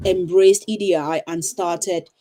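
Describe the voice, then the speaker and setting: Casting: middle-aged woman from Cameroon, low warm voice, reflective teacher type, many ums. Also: fairly even intonation, measured pace. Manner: thoughtful, with frequent ums and restarts. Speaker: teacher and coach. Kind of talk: casual interview answers. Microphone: video call.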